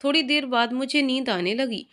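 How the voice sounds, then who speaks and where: Woman voicing a soft-spoken distressed young woman. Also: sits high, moderate pace. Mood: subdued.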